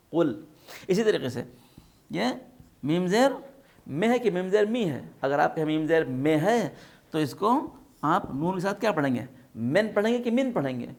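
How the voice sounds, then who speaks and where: A man with a fairly high voice gives a tajweed lesson. He spells out syllables slowly and asks questions that he answers himself. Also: creaky. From India. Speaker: Quran recitation teacher.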